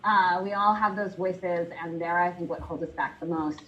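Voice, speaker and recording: A woman career coach answering a question in an interview, animated and chatty, laughing often and talking with lots of fillers. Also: fairly low pitch, normal speed, muffled recording.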